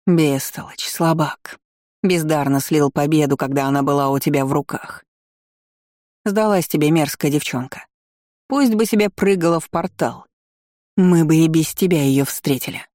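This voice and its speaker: Sneering vampire lady, reader doing her voice, nasty and mocking, dark tone, dry close sound. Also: mid-range voice, moderate pace, dry recording, close to an everyday voice. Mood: scornful. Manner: mocking, contemptuous, theatrical laughter. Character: cruel scheming vampire woman in a girl's body.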